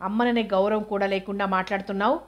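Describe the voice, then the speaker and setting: A proud, touchy mother who dreams of films for her daughter, as a woman reads her part. She snaps back sharply when crossed, in a flat, even voice that barely rises or falls. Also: medium pitch, quick pace, close to an everyday voice. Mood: indignant. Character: older mother, film-crazy, touchy and proud.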